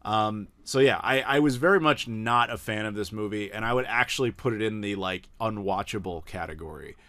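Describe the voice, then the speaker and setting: A man's voice: on the low side, a little fast, pushed and bright, no room sound. A man hosting a podcast in casual chat, opinionated, often restarting his sentences. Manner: opinionated, frequent stammered restarts. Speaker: podcast host.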